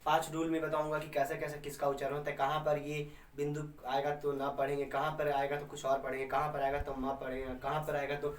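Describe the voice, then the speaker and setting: A man teaching grammar to camera, feeling a little unwell, who keeps checking in with "है ना" and slows down to dictate rules. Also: on the high side, monotone, roomy sound, distant mic. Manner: repeats "है ना" and "है कि नहीं" as checks, speaks slowly while dictating. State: slightly unwell, voice a little changed. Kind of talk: classroom-style lesson to camera.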